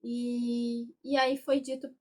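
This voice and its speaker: A woman with a Brazilian Portuguese accent and a fairly high voice tells how a family constellation session went. She puts on brief, higher voices for the people she quotes. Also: level tone, takes it slowly. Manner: acts out quoted voices with raised pitch. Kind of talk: recounting a therapy session.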